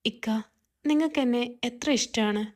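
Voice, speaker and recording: A woman voicing a hurt young wife in a read-aloud family story, in a soft, plaintive voice. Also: a little high, a little slow, lightly acted.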